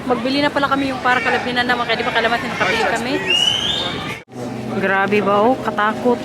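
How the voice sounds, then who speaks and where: Young Filipina vlogger, high voice, chatty and giggly, Filipino accent; noisy phone recording on busy streets. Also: female voice, steady tone, quick pace. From Philippines. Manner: chatty, giggly, mixes English into her talk. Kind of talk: casual travel vlog chat. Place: busy city streets and shops. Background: crowd and traffic noise.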